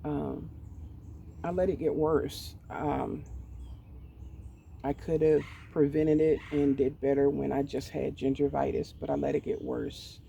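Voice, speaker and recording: Slow, gravelly woman in her forties. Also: low-pitched, lively intonation, mellow, far from the mic, slight background noise. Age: 40s. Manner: hesitant, with many pauses and ums. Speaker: vlogger. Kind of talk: candid personal talk. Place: outdoors in a garden. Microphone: poor mic set away from the speaker.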